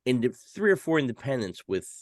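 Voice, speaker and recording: A man with a mid-range voice co-hosts a casual podcast in a relaxed, easygoing way. He laughs easily and keeps filling his sentences with "you know". The recording is dry and close. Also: mid-range voice, a little fast, no echo. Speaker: podcast co-host. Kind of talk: casual chat.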